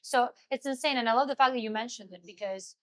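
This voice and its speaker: A young woman hosts a live event interview, quick and eager, gushing over her guest. Her voice sits a little high for a woman, and the words tumble out at a fast clip. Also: a bit bright. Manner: enthusiastic, gushing, fast-talking. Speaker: interview host.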